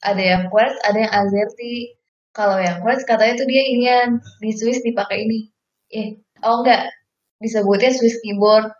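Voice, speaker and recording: A young woman co-hosting a casual chat, chiming in with quick agreements and curious remarks. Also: fairly high pitch, steady tone. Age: young adult. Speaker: co-host. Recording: roomy, dull lo-fi audio.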